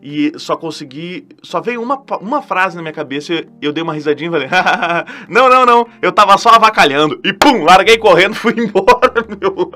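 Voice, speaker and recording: Lively gaúcho man, bright slangy storyteller. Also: high voice. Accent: southern Brazilian, gaúcho. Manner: animated, profane, slangy, self-mocking. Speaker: podcast host. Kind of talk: casual storytelling monologue.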